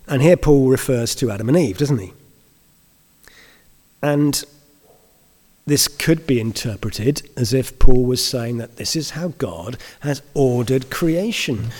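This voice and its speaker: A man preaching a sermon in a kindly vicar's manner, explaining in measured phrases with deliberate pauses and rhetorical questions. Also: medium pitch, a little mellow. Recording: reverberant church hall.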